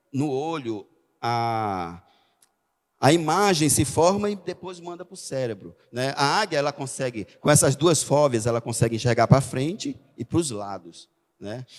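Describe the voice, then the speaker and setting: Conversational middle-aged preacher in a reverberant church. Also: male voice, on the high side, a little mellow. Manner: conversational, frequent "né?" tag questions. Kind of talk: sermon with personal stories. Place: church sanctuary. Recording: long church hall reverb.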